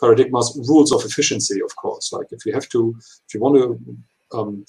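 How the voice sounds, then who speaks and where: A man of 39 who is not a native English speaker gives interview answers in halting, imperfect English full of hesitations. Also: mid-range voice, vocal fry, darkish tone, low-quality recording. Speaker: HR professional being interviewed.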